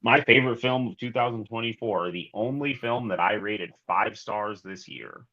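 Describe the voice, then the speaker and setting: A man co-hosting a casual film review podcast, enthusiastic and halting with restarts. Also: lowish voice, pushed and bright, muffled recording. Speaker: podcast co-host.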